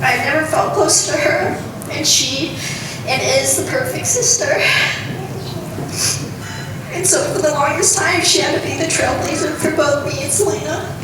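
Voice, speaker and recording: A young American woman giving an informal, halting, giggly wedding toast as maid of honor. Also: sits high. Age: young adult. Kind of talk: wedding toast, personal speech. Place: large reverberant room at a wedding gathering. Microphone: distant from the recorder. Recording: echoey room from far off, clearly noisy.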